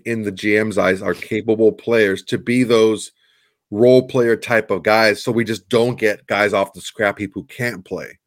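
A man co-hosting a podcast, talking sports in a rambling, casual way with lots of restarts and the odd curse word. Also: fairly low pitch. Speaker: podcast co-host.

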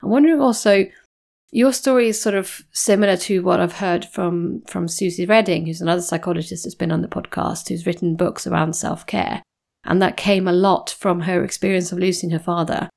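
Lady podcast host, low gravelly voice, thoughtful, reflective chat. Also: steady tone, fairly quick, a little mellow. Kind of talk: podcast interview.

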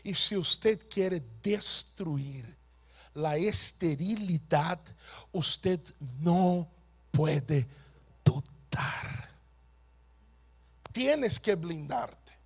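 A man preaching a sermon as a pastor, slowly and emphatically, swinging from hushed storytelling to shouted proclamation. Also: fairly high pitch, expressive, creaky, breathy edge.

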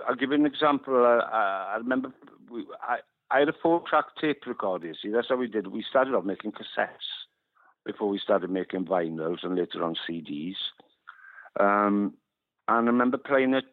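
Heard through a dry, tinny phone connection, this mid-range voice belongs to a Welsh musician in his fifties from West Wales whose first language is Welsh. As an interview guest he speaks without hurry, sprinkling in lots of "you know"s and "uh"s.

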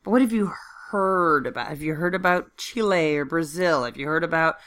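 Woman, podcast co-host, low voice, playful and upbeat, slangy banter. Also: normal speed, a bit bright. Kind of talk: casual podcast chat.

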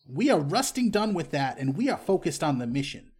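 A man's voice: fairly high pitch, sing-song, fairly quick, slightly rough. A man playing an exasperated crime crew leader in a tabletop game, stern and lecturing.

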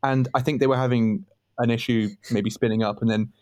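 A man's voice: medium pitch, fairly even intonation, brisk, darkish tone. A man on a robot-fighting team, joking and laughing often in casual podcast chat. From United Kingdom.

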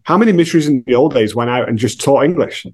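A man's voice: medium pitch, expressive, rapid-fire, a little mellow, husky. A man talking as a guest on a podcast, blunt and emphatic, with a slangy casual manner and lots of "like" and "you know". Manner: frequent filler "like" and "you know".

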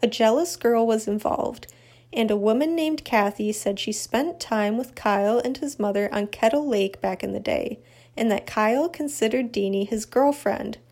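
A woman with a slightly higher voice reads a scripted case update. Her delivery stays even and matter-of-fact from line to line. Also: normal speed. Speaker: true crime narrator. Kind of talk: scripted narration.

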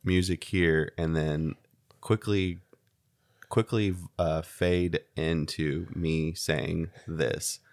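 Deep-voiced American man, halting podcast host. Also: steady tone, darkish tone. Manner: halting, jokey, often restarts and repeats himself. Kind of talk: casual podcast chat. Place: home studio in a house.

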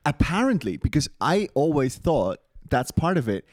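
A man's voice: fairly high pitch, moderate pace, no echo, clean studio sound. A man from Switzerland co-hosting a podcast, telling stories in casual chat with plenty of swearing. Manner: swearing, animated storytelling. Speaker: podcast co-host.

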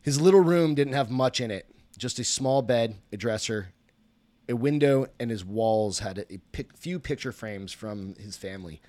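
A man's voice: medium pitch, expressive, normal speed, mellow, dry recording. A man, host of a podcast, reading a story aloud in a casual way, often stopping to correct himself.

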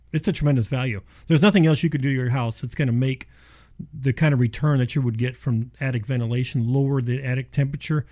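A man's voice: mid-range voice, dark tone. A man speaking as a contractor guest in a casual radio interview, explaining in a folksy way and repeating himself for emphasis. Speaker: insulation contractor, show guest.

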